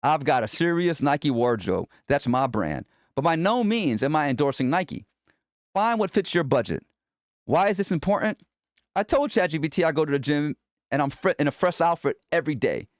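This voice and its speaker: Reading his own self-help book as an audiobook, a man with a slightly high, animated voice addresses the listener directly in a motivational, conversational way at normal speed. His pitch moves around a lot, and the dry recording has no room echo.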